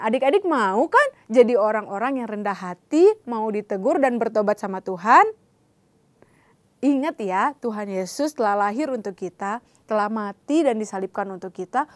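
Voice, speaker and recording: A woman teaching Sunday school, telling a Bible story to children in a lively way and acting out the characters' lines. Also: on the high side, no echo.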